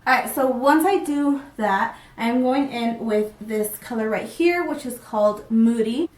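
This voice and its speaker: In a small room with a plain backdrop, a young vlogger talks through makeup steps in a slightly high, darkish voice at a measured pace. A cold leaves her sounding stuffy, she uses many ums, and the audio is roomy and distant.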